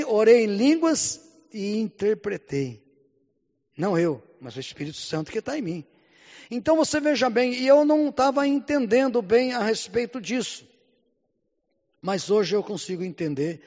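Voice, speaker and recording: A Brazilian man preaching a sermon in Portuguese, often calling out "Amém?" and "Glória a Deus", swinging between loud and hushed lines. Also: high voice. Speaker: pastor. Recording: muffled sound with long hall reverb.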